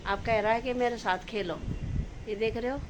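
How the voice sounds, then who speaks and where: A middle-aged woman chatting casually to viewers in a home vlog from her kitchen and rooftop, loudly scolding her dog at times. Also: on the high side, fairly even intonation, moderate pace, noisy background. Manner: chatty, addresses viewers as friends. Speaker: vlogger.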